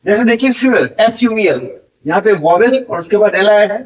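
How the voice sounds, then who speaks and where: A man's voice: high-pitched, brisk. A man teaching as an English tutor, patiently explaining spelling rules step by step and spelling words out letter by letter. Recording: voice a bit distant from the mic.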